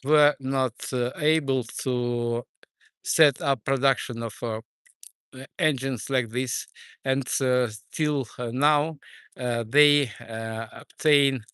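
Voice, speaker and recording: A man from eastern Ukraine with a Ukrainian accent, giving a livestreamed walking tour of city streets and filling his pauses with many "uh"s. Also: mid-range voice, fairly even intonation, fairly bright tone, clear, resonant tone, no room sound. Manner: hesitant, many filler sounds. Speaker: streamer.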